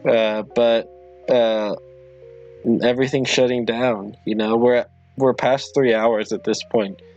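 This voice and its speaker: A man hosting a livestream, chatting casually with viewers in a halting, apologetic, rambling way. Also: mid-range voice, steady tone, darkish tone, muffled recording, soft background music. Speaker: livestream host.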